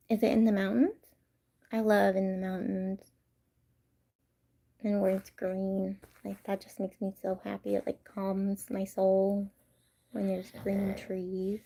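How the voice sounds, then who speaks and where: A young woman from California chatting casually with her livestream viewers, soft-spoken and often slipping into whispers. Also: medium pitch, gravelly. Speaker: livestream host.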